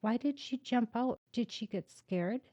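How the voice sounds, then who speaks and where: A woman's voice: on the high side, unhurried, dark tone, lo-fi sound, pitched above the performer's own voice. Little girl pleading, read by a woman. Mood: worried. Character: young girl anxious about her lost cat.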